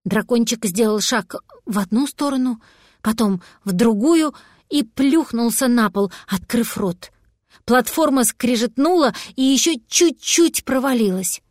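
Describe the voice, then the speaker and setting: A woman narrating a children's story aloud in a lively, expressive way. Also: on the high side, unhurried, no room sound, studio quality. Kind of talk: storybook reading.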